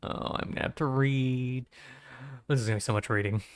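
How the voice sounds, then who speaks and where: A man streaming a game, chatting casually in a flat, self-described monotone and reading dialogue aloud with stumbles. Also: medium pitch, fairly quick, slight background noise.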